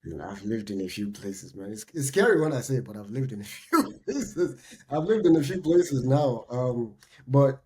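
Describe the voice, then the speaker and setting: A man, co-hosting a podcast in a relaxed, chatty way. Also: mid-range voice, moderate pace, slight background noise. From Nigeria. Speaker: podcast co-host. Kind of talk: casual chat.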